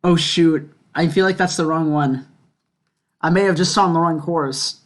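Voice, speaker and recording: A man's voice: fairly high pitch, fairly even intonation. A teenage boy co-hosting a podcast, joking around and riffing constantly in casual chat. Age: teens. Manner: goofy, joking, quick to riff and laugh. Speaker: podcast co-host.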